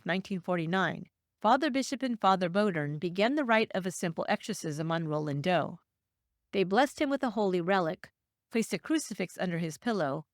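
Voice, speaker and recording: A woman reads a true crime story in a measured, steady voice, sounding scripted and even throughout. Her pitch sits in a middle range. The recording is dry and close, with no room sound. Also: no echo. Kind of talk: scripted narration.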